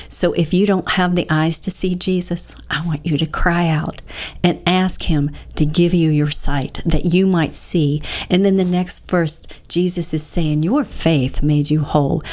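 A woman's voice: sits low, darkish tone. A woman co-hosting a recovery devotional, earnestly explaining scripture and leading prayer in a fervent, heartfelt way. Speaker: co-host of a recovery devotional show.

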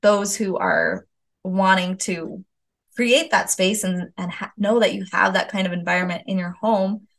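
A woman in her thirties, a mother who hosts a parenting podcast, speaks at a medium pitch with lively intonation, a measured pace, and a slightly bright tone. In this casual conversational interview she's reflective and affirming, paraphrasing back what she hears.

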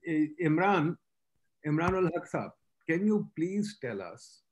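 A man's voice: on the high side, darkish tone, rough recording. A man with a Pakistani accent moderating a panel discussion, blunt and insistent as he questions the speakers.

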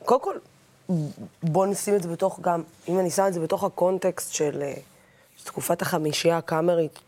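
A woman's voice: lowish voice, steady tone, a little mellow. A woman hosting an interview, thinking aloud and asking probing questions. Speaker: host.

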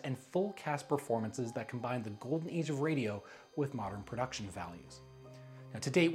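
A man takes on the role of a creative director reading a scripted promotional pitch, giving it dramatic, storyteller-style emphasis.

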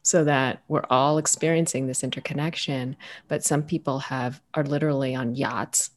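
A woman author raised in the United States, speaking as a guest in an interview, reflective and searching for her words with many pauses and fillers. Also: extremely low pitch, fairly even intonation.

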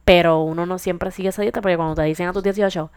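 A woman, hosting a podcast in casual chat, animated and joking, slipping into English asides. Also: fairly low pitch, rapid-fire, clear, resonant tone, no room sound, clean studio sound. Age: 20s. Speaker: podcast host.

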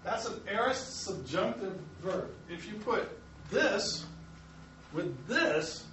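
His high, sing-song voice takes its time and has a fairly bright tone as he teaches adults a Bible lesson in a church Sunday school classroom. The American teacher explains things step by step, fixes his own mistakes, and laughs at himself. The recording is echoey, picked up from a distance, with a little hiss or hum.

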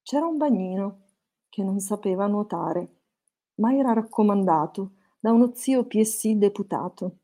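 A woman recites satirical rhyming verse with a mellow, warm tone. Her delivery has a sing-song lilt that bounces from one rhyme to the next. She carries each comic tale at a steady, middle pitch. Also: moderate pace.

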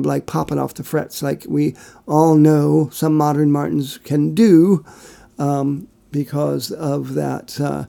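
A man co-hosts a casual podcast, his voice gravelly and dark in tone. He rambles through long, detailed explanations, full of fillers. His pitch sits a bit high for a man. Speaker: podcast co-host.

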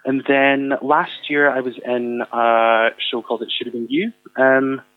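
A man's voice: mid-range voice, level tone, measured pace, no echo, phone-quality sound. A man in his twenties with a Fife Scottish accent, chatting enthusiastically as a guest on a podcast. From Fife, Scotland. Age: 20s. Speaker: podcast guest, amateur theatre performer. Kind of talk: casual podcast conversation.

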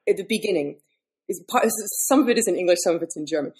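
A woman with a somewhat low speaking voice talks through her craft as a classical singer. She explains things thoughtfully in an unscripted interview, often pausing on fillers and restarting her sentences. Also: lively intonation, a little mellow. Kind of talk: podcast interview.

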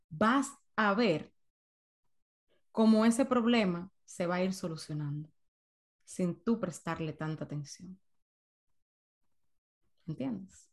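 Emphatic Spanish-speaking woman coach. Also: a little high. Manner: emphatic, repeats herself, addresses audience as señores. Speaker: emotional eating coach. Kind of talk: workshop talk to listeners.

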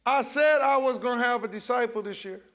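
A man preaching an energetic sermon in a church, calling out to the congregation, joking and shouting for responses. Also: very high-pitched, brisk. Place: church sanctuary.

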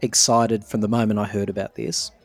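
A man co-hosting a podcast, chatting in a warm, reassuring, enthusiastic way while he is losing his voice. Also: lowish voice, level tone, fairly quick, no room sound. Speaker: podcast co-host. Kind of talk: casual fan chat.

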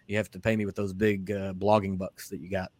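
A man's voice: low-pitched, flat delivery, a little fast, a little mellow, dry recording. A man hosting a whiskey podcast interview, talking in a rambling, casual way with many restarts and fillers. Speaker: podcast host.

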